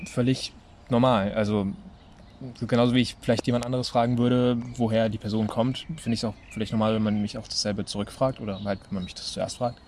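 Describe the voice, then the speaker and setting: A 23-year-old man from Italy speaks in a loose, unhurried interview manner, stopping often on little fillers as he gathers his thoughts. His voice sits a bit low, with a faint hiss of room noise behind him. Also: level tone, darkish tone. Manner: loose, hesitant, many fillers. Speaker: interviewee, student. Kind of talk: casual interview talk.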